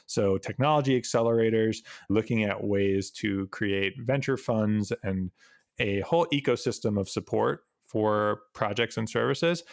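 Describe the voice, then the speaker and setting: A young man who works at an ocean nonprofit, giving an earnest, conversational panel answer with soft laughs. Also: lowish voice, no room sound, studio quality. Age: young adult.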